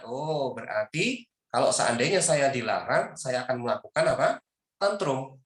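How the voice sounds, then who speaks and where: A male religious teacher gives a parenting lecture, working through his advice point by point. He keeps asking rhetorical questions and then answering them himself. His voice has a roomy echo around it. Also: medium pitch.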